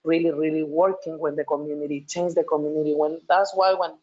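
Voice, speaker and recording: Peruvian accent woman on a panel, flat delivery, keeps restarting, lo-fi call sound. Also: sits low. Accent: Peruvian Spanish. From Peru. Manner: halting, with many restarts and repeated words. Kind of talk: panel talk. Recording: dull lo-fi call audio.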